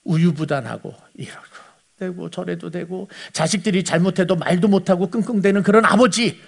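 A man preaching a sermon as pastor, telling the story in an animated way and asking his listeners questions. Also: sits high, normal speed, creaky, slightly rough.

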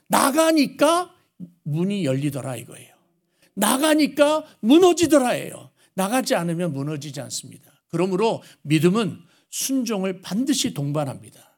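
A man, a pastor, preaching a sermon with animated delivery and questions put to the congregation. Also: high voice.

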